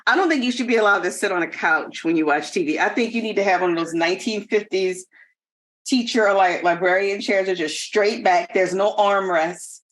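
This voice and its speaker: A woman's voice: mid-range voice, fairly quick, rough recording. A woman co-hosting a podcast, joking around with frequent laughter in casual chat. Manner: joking, laughs often, animated. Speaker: podcast co-host.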